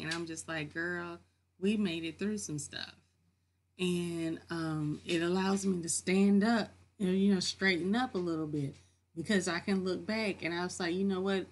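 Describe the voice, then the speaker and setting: Woman faith vlogger, lowish voice, casual, encouraging, records from a home office. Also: a little hiss or hum. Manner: earnest, encouraging, repeats key phrases. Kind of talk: casual motivational talk to camera.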